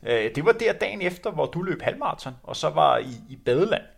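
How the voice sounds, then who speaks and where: A man's voice: a little high, sing-song, gravelly. A man who used to run, telling anecdotes in a rambling way with many fillers. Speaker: former runner telling stories. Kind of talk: casual anecdote chat.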